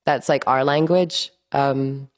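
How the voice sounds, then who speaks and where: Young woman, low voice, mixed English-leaning accent with a Spanish lilt, bubbly, laughs easily. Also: steady tone. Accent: mixed, mostly English with a slight Spanish lilt. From born in Miami, raised abroad. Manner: bubbly, grateful, quick to laugh. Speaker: actress guest. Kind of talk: casual interview chat.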